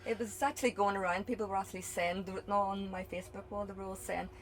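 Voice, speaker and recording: A woman with a Northern Irish accent asks a guest questions at a quick clip. She is chatty and friendly, often restarting her sentences as she goes. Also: medium pitch, fairly even intonation. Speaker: interviewer. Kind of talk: casual interview.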